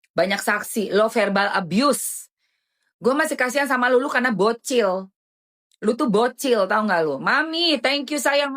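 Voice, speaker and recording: A woman, chatting casually and indignantly while selling on a live stream. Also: a little high.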